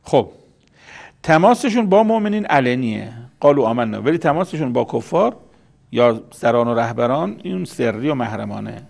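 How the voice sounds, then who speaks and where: A man's voice: mid-range voice, creaky, a little mellow. A man giving a religious lecture on scripture, explaining terms patiently and repeating key words for emphasis. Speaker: Quran commentator.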